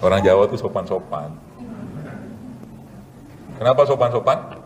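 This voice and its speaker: A man, a doctor, giving a casual health lecture with a live demonstration, animated and joking, asking rhetorical questions and answering them himself. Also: on the low side, measured pace, background noise. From Indonesia. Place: event hall with audience.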